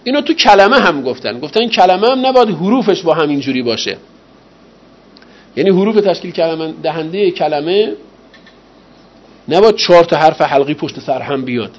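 Teaching a university class on rhetoric, this man asks his students questions, many of them rhetorical, which he answers on his own. He speaks with lively shifts in pitch and loudness and slows for emphasis, while faint ambient noise sits under slightly dull audio.

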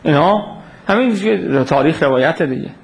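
A man lectures informally on religious history, his voice pitched high with a gravelly edge. He tells events as lively stories and stops to answer questions from listeners. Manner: animated storytelling, acts out quoted voices, takes audience questions.

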